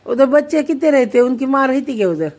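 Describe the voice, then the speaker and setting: A young woman, a mother, chatting playfully with her little daughter, teasing her with lots of quick questions. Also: high voice, lively intonation, darkish tone.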